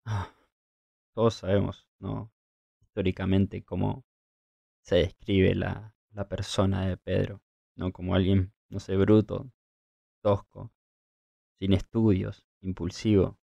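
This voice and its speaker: A man's voice: low voice, level tone, slow pace, creaky, pauses often, mellow, no room sound, highs cut off. A man co-hosting a podcast, telling Bible stories in reflective religious talk with a thoughtful storytelling manner. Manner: thoughtful storytelling with occasional chuckles. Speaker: podcast co-host.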